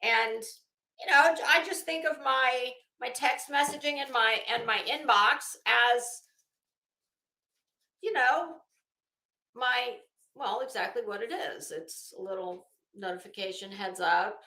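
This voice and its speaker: Speaking slowly in a high, pushed, bright voice, an American woman chats casually with her livestream audience. She's blunt and emphatic, and the sound is roomy and echoey.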